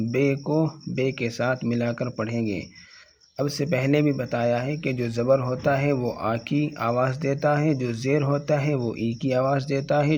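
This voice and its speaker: A man teaching a reading lesson step by step, slowly and patiently spelling out letter sounds and repeating each syllable. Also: mid-range voice, a little mellow, a little hiss or hum. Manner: slow, repeats sounds and letter names clearly.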